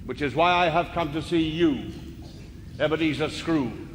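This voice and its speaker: An actor playing a jovial, mocking, commanding Christmas spirit in a radio drama, grand and declamatory, with long reverb on the voice. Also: male voice, a little high, moderate pace, close to an everyday voice. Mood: mocking, stern. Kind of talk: musical radio drama acting. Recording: long reverb, faint noise.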